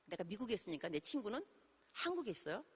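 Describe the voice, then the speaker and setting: A middle-aged woman missionary preaching a sermon in a church, telling stories in an animated way and acting out the dialogue. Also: medium pitch, fast, slightly rough. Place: church sanctuary. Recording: long hall reverb.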